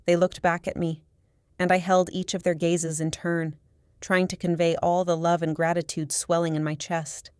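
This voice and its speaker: A woman narrating a first-person audiobook in a steady, measured storytelling manner. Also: on the low side, clear, resonant tone, no echo, studio quality.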